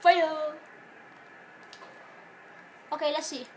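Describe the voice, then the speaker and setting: An ill woman hosting a gaming channel speaks extremely slowly, her high voice level in tone, as she rambles casually through gameplay commentary. She sounds nasal and stops to cough. The dark-room recording, made on a phone aimed at a TV, has slight background noise.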